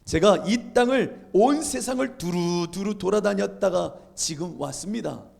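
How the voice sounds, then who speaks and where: Sly, wary Satan, voiced by a preacher. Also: male voice, high voice, a little slow, vocal fry, darkish tone, heavily acted. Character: sly, wandering Satan answering God. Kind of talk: sermon.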